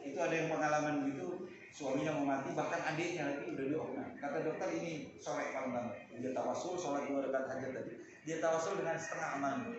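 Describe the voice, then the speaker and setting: A man delivers a lively sermon, his voice slightly high and jumping to sudden loud peaks as he tells stories. He is recorded from a distance in a very echoey room, the sound muffled and dull with steady background noise. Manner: animated storytelling with sudden loud peaks, Arabic recitation. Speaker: preacher.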